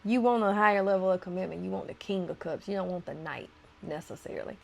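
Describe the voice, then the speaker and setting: A woman's voice: mid-range voice, fast talker, vocal fry, soft background music. A woman tarot reader talking casually to her viewers as she turns cards, chatty and playful, breaking into laughs between points.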